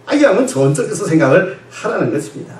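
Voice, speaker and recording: Animated male pastor in an echoey church. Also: high voice, racing. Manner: animated, calls and responds with the congregation, laughs. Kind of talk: sermon. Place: church sanctuary. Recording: echoey church sanctuary, distant mic.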